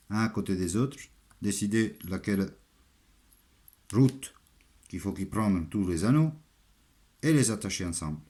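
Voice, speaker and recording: An Italian man speaking French with a foreign, Italian accent, giving a halting, step-by-step hands-on craft demonstration in simple, repeated phrases. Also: on the low side, darkish tone. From Italy. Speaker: armourer giving a craft tutorial.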